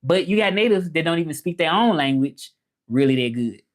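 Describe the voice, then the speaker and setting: This livestream host talks casually about language learning and reads out viewer comments. He's a Memphis man with a Southern American accent, speaking fairly quickly in an expressive, higher-pitched voice, wandering and repeating himself as he goes.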